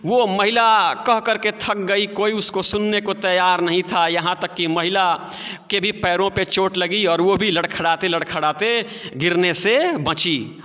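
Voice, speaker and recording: A man's voice: sits high, sharp tone. A male teacher explaining a story line by line to his students, speaking to them directly. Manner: slow, explanatory, addresses children directly. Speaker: English teacher. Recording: dull lo-fi audio with long reverb.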